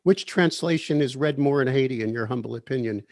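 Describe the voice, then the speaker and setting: A man's voice: medium pitch, a little fast, a little mellow, dry recording. A man hosting an interview, leading his guest with friendly questions that seek confirmation. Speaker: interviewer, host. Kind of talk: conversational interview.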